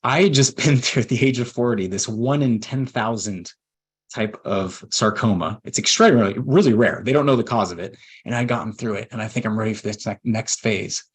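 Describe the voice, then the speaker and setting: A man in his forties, an estate planning attorney, telling a heartfelt personal story in a webinar with earnest pauses and restarts. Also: fairly low pitch, breathy edge. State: emotional at times.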